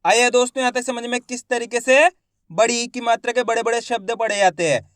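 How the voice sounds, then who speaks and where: A man's voice: extremely high pitch, steady tone, a little fast, fairly bright tone, dry recording, clean studio sound. A man teaching children's reading who sounds out each syllable and then blends the word, speaking to viewers as a friendly instructor. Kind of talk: slow syllable-by-syllable reading lesson.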